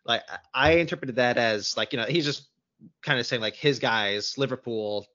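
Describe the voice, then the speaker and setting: A man's voice: medium pitch, normal speed, sharp tone, lo-fi sound. A man hosting a casual football debate, thoughtful and hedging as he talks things through.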